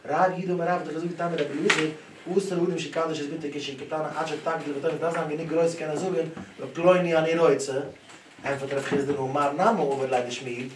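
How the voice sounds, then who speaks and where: Animated man teaching in an echoey room. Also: on the high side, a little fast. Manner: animated, rising and dropping sharply as he tells the stories. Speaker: Talmud teacher. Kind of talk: Talmud lesson. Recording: echoey room, voice from a distance, clear background noise.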